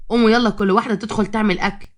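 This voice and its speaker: Woman narrator doing a bossy older Egyptian mother-in-law, clipped and quick. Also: medium pitch, fairly even intonation, lightly acted. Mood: commanding. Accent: Egyptian Arabic. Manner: commanding, curt.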